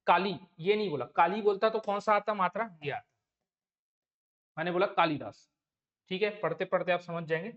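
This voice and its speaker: Male exam-prep tutor, Chhattisgarhi Hindi accent, high-pitched, dull lo-fi sound. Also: normal speed, long pauses. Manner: explains step by step, asks rhetorical check questions. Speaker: teacher.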